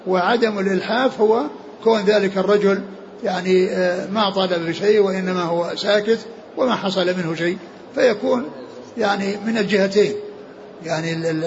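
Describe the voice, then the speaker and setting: High-voiced man teaching, halting and repetitive. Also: muffled recording, slight background noise. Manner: halting, many repeated words and restarts. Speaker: hadith teacher. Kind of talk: classroom lecture explaining a hadith text.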